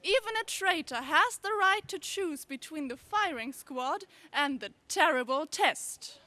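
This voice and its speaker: A woman plays a solemn, coolly defiant high priestess in an old radio serial. The voice is extremely high and bright, with formal, measured authority. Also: animated, dry recording, exaggerated voice. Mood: solemn challenge. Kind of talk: 1930s space serial radio drama acting.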